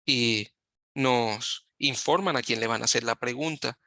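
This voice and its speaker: A man giving live Spanish interpretation of a webinar over a video call, talking in halting phrases and often correcting himself mid-sentence. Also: medium pitch, pushed and bright, dry recording, studio quality. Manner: halting, with frequent self-corrections.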